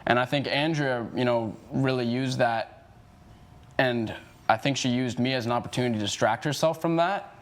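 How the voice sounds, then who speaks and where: A man's voice: mid-range voice, moderate pace. A young man in his twenties testifying as a co-defendant, explaining himself hesitantly with many fillers. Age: 20s. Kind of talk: courtroom testimony.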